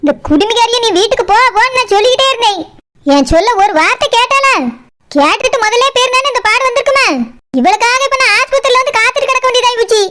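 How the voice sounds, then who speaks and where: A voice actor playing a selfish, bossy woman house owner in a cartoon. She mutters and scolds fast in a Kanyakumari Tamil accent. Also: very high voice, background noise. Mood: grumbling. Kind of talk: cartoon voice acting.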